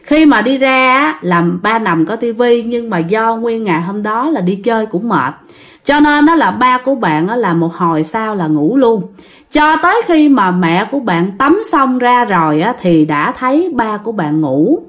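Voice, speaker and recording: A woman's voice: a little high, normal speed. A woman with a Southern Vietnamese accent telling a ghost story in a casual way, talking straight to her listeners. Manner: animated, addresses listeners directly.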